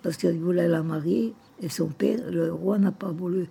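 Very husky, gravelly elderly woman. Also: fairly low pitch, moderate pace. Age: older. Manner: calls the listener "my little heart" constantly, rambling and tender; hums and half-sings old songs softly. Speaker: nursing home resident. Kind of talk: casual chat with a visitor. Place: room in a nursing home.

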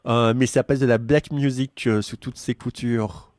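A male radio host chats casually with a caller, teasing him with playful questions. His voice sits at a middle pitch, and the studio sound is close and dry. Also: steady tone, a little slow, a little mellow, no room sound.

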